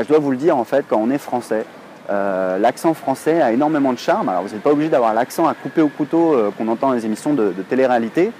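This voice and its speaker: French guy in his 30s vlogging outside in the city, mellow low-key voice, lots of ums, faint street noise. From France. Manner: chatty, rambling, many hesitations. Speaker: online English teacher, blogger. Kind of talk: casual to-camera vlog.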